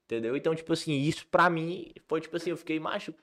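A man's voice: fairly high pitch, rapid-fire. A man from Ceará, a comedian telling stories in a casual chat, full of fillers and restarts. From Ceará, Brazil. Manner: animated storyteller, many fillers and restarts. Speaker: comedian guest.

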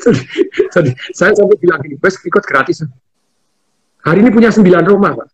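A man talks in a quick, emphatic rush. His voice sits high and sounds husky. He laughs often as he talks. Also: lively intonation. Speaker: financial seminar speaker. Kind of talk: casual conversation.

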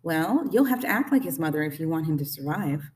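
A woman voicing an old gray female goose who talks in a brisk, bossy, no-nonsense squawk for a storybook reading. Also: deep voice, expressive, a little mellow, distant mic. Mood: blunt, brisk.

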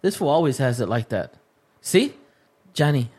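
A man's voice: mid-range voice, sing-song, normal speed, darkish tone, husky. A middle-aged man hosting casual podcast banter, full of bro slang and joking, slipping between English and Spanish. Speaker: podcast host.

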